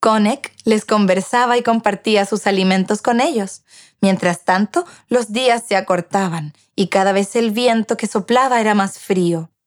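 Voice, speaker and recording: A woman reading a children's tale aloud as storyteller, measured and clear. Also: medium pitch. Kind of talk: scripted narration of a children's tale.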